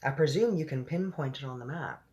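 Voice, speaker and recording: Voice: medium pitch, fairly quick, a little mellow, muffled recording, close to an everyday voice. A storybook reader voicing a proud, easily offended male Air Force chief with a blustering, indignant manner. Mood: impatient.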